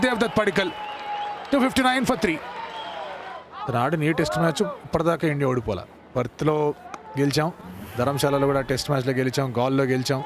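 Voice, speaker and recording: A man with an Indian accent, lead commentator giving Telugu cricket commentary mixed with English. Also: sits high. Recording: live broadcast with noisy stadium crowd. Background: cricket crowd noise.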